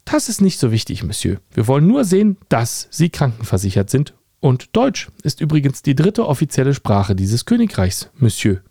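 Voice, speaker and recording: A man's voice: medium pitch, very animated, normal speed, few pauses, dark tone, breathy edge, dry recording, studio quality, pitched above the performer's own voice. A man voicing an unflappable female Belgian counter clerk, polite and bureaucratic. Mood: insistent.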